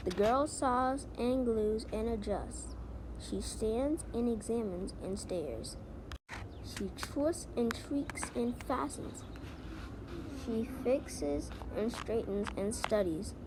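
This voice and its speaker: Slow, higher-voiced female student reading a storybook. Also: background noise. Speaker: student reader. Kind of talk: read-aloud children's story narration.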